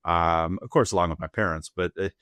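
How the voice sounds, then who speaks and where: A man's voice: low voice, steady tone, a little fast, fairly bright tone, clear, resonant tone, dry recording. A man in his fifties from Minnesota with a Minnesotan accent, a school superintendent chatting easily as an interview guest, joking and often restarting his sentences. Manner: easygoing and joking, with frequent restarts. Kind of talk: casual interview chat.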